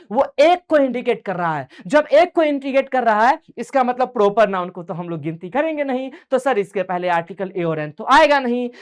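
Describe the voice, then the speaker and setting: A man's voice: extremely high pitch, clean tone. Man, grammar teacher, online exam-prep class, coaxing and chatty, answers his own questions, fond names for students. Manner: mixes English grammar terms into fast conversational explanation.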